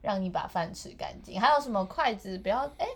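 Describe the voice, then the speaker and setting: A woman's voice: mid-range voice, expressive, fast. Giggly woman telling stories. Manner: giggly, tells childhood stories. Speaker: podcast co-host. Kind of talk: casual chat.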